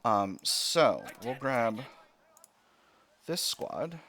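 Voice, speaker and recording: A man's voice: medium pitch, lively intonation, drawn-out words, a bit bright. Man thinking aloud through game commentary. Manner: mild exclamations, talks through each decision step by step. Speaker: let's play host.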